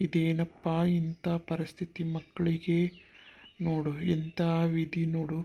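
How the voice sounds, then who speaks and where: A man's voice: on the high side, dark tone. A man voicing a protective, childless uncle in a cartoon, scolding strangers and coaxing children. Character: kind childless uncle, protective, warm-hearted. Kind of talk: cartoon voice acting.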